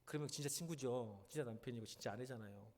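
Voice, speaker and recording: A middle-aged male pastor preaching in a church, talking conversationally and mimicking people with playful, rough slang. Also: medium pitch, fast talker, a little mellow. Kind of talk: sermon. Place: church sanctuary.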